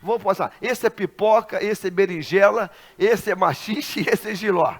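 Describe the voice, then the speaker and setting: A man's voice: sits high, unhurried. A man from Rio de acting out a brash male taxi driver who boasts and challenges, in a sermon story. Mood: boastful.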